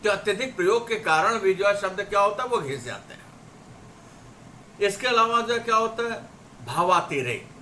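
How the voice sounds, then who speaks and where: A man giving an academic lecture on linguistics, slowly reading out word pairs as examples. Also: sits high, expressive, pushed and bright, a little hiss or hum, low-quality recording. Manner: slow, deliberate, reads out word pairs as examples.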